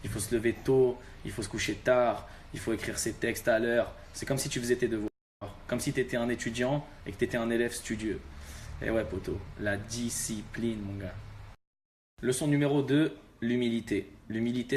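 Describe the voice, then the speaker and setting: A man's voice: medium pitch, steady tone, normal speed, darkish tone, slight background noise. A young man from Algeria, a rapper, talking casually to his fans with laid-back street slang.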